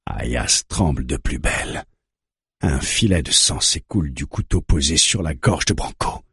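A man reading a tense thriller aloud as narrator, in a measured, dramatic way. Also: very deep voice, animated, fairly bright tone, breathy edge, no room sound, studio quality. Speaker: audiobook narrator.

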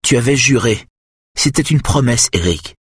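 A man voicing a hurt, furious wife in an audiobook, with sharp accusing outbursts and a raised voice. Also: medium pitch, moderate pace, slightly rough, dry recording, studio quality, voice pushed up. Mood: upset. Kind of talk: audiobook character voice.

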